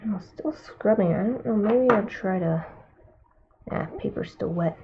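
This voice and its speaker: A woman with a gravelly, medium-pitched voice and a Californian accent speaks unhurriedly as she paints live, against a noisy background. The recording is tinny and phone-like, and she drifts between casual comments and quiet murmurs to herself.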